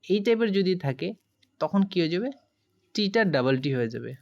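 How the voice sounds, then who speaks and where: A woman's voice: on the low side, big pitch swings, a little fast, creaky, darkish tone, muffled recording. A woman teaching a grammar lesson, explaining each rule step by step, spelling words letter by letter and asking her students questions as she goes.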